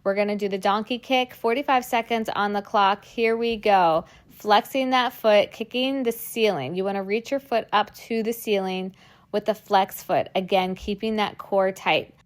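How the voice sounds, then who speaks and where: A young woman at medium pitch and moderate pace runs a workout class as its instructor. While working out along with everyone, she cues each move and encourages them, sounding strained from the effort.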